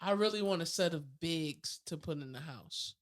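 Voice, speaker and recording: A man co-hosting a podcast in casual chat, speculating in a slow, drawn-out way. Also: fairly high pitch. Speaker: podcast co-host.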